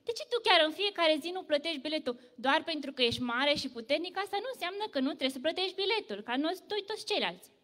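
Woman doing a shaky but fed-up passenger, high bright voice, echoey hall. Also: lively intonation, few pauses. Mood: indignant. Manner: trembling but indignant. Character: timid passenger finally speaking up.

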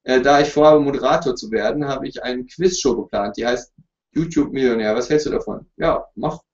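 A man's voice: medium pitch, a little fast, a little mellow. Chatty guy on a roomy webcam stream. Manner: chatty, jokey, apologetic. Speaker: YouTuber hosting a livestream. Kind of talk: casual livestream chat, reading viewer questions. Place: room at home, sitting in front of a couch. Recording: roomy, distant, dull webcam stream audio.

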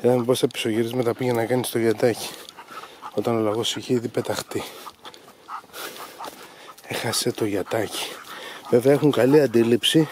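A man's voice: mid-range voice, steady tone, pauses often, noisy background. A man training hunting dogs, explaining each step methodically and calling to the dogs outdoors in the fields. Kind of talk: instructive commentary over training footage.

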